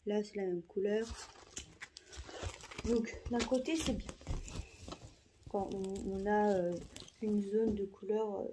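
A woman talks slowly through an unboxing, hesitant and soft-spoken, often pausing on fillers. Her voice sits at a middle pitch. A steady hiss runs behind her along with the crinkle of plastic. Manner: halting, many fillers and repeats, soft-spoken. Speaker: vlogger. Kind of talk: casual unboxing commentary.

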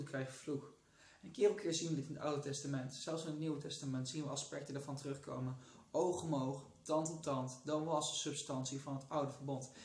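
A man's voice: mid-range voice, a little mellow, a little hiss or hum. Fervent Dutch man preaching in an echoey room. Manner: fervent, exclaims praise words often. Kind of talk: casual devotional vlog. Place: sitting on a couch indoors.

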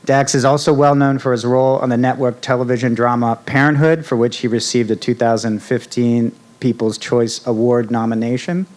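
Department chair making a halting introduction. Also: male voice, mid-range voice, little pitch movement, a little mellow. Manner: halting, with fillers and restarts, reading a list. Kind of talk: formal introduction speech. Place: outdoor university ceremony stage. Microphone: podium mic on stand.

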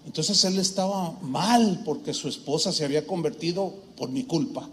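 Mexican pastor guy, high voice, lively storytelling sermon in church. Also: moderate pace, a little hiss or hum. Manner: animated storytelling, acts out dialogue, humorous asides. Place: church, preaching to a congregation.

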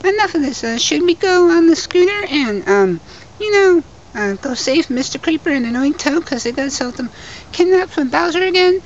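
A shrill, whiny little plush-toy creature, put on by a woman in a homemade toy show. Its squeaky voice sits far above her own and keeps begging for help. A faint hiss runs under the recording. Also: animated, normal speed, lo-fi sound. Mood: eager. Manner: high squeaky put-on voice, pleading.

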